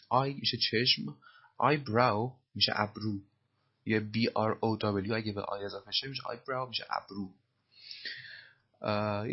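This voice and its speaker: A man with a husky voice teaching English phrases, patiently explaining and repeating them slowly. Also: fairly low pitch, dull audio.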